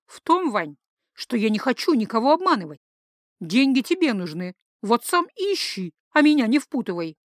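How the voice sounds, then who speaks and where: A woman's voice: on the high side, big pitch swings, moderate pace, dry recording, clean studio sound. A woman voicing an indignant, stubborn young woman who makes mocking retorts. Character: young woman, sharp-tongued, stubborn and principled.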